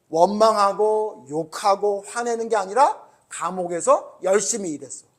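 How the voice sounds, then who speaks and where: A middle-aged male pastor giving a children's sermon, telling a story and asking the children questions. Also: sits high.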